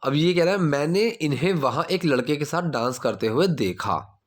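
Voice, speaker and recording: A man teaching English grammar in Hindi, explaining step by step and saying the English example sentences slowly. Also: fairly high pitch, expressive. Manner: explains step by step, checks with "theek hai?".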